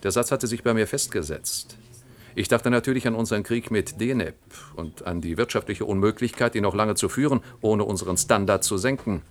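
A male actor plays a smug, scheming middle-aged general in a German science-fiction radio drama, delivering lines in an oratorical, condescending manner. His medium-pitched voice stays close to an everyday speaking voice.

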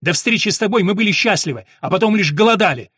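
A man's voice: mid-range voice, normal speed, a bit bright, breathy edge, no echo, studio quality. A man voicing a hot-tempered young male stonemason apprentice who lashes out in bursts. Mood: furious. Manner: bursting, accusing outbursts.

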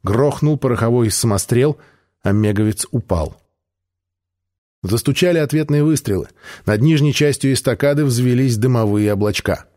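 A man narrating an audiobook in the first person, with a measured, even reading. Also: mid-range voice.

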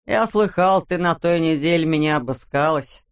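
A woman voicing a smirking, sleazy middle-aged man who drawls slowly in a lowered voice. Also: clear, resonant tone. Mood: smug. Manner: slow, drawling, low.

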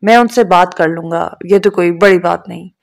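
A woman's voice: fairly low pitch, vocal fry. A woman reading the lines of an earnest young man proposing marriage, in a sincere, eager way.

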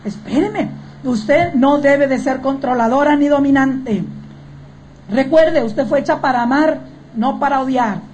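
A woman's voice: sits high, measured pace, darkish tone, a little hiss or hum. A woman preaching a sermon, emphatic and full of rhetorical questions to the congregation.

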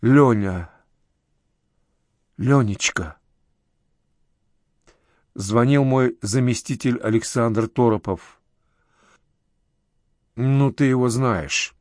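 A man voicing a grieving older uncle, halting and emotional in an audiobook. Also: mid-range voice, a little mellow, no room sound, studio quality. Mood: distraught.

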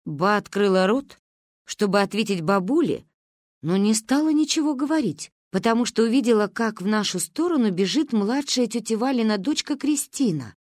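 A woman reading an audiobook aloud in an expressive, storytelling manner, narrating as a little girl. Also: medium pitch, normal speed, dry recording, clean studio sound. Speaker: audiobook reader.

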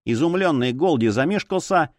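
A male narrator reading a fantasy audiobook in an expressive storytelling way. His mid-pitched voice moves through a lively melodic range, recorded dry and close to the mic. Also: normal speed, dry recording.

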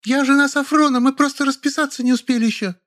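Man doing a shrill brawling young woman. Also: fairly even intonation, quick pace, a bit bright. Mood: shrieking, furious. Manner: screeching, shrieking insults. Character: shrill brash young woman, quarrelsome lodger.

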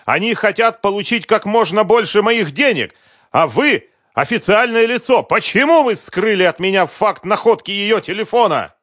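A man acting as a furious shouting businessman. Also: high-pitched, animated, moderate pace, dry recording, clean studio sound, voice pushed up. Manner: yelling accusations at an investigator. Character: furious middle-aged male businessman, shouting, bullying.

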